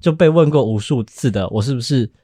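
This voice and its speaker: A man's voice: medium pitch, a little fast, dry recording, studio quality. A young man, chatting casually and telling stories with frequent laughs. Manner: laughs often, lively storytelling. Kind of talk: casual chat.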